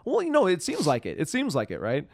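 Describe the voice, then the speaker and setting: A man hosting a casual political podcast, frustrated and profane, talking in halting bursts full of restarts. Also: on the high side, wildly swooping pitch, vocal fry, no echo. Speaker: podcast host.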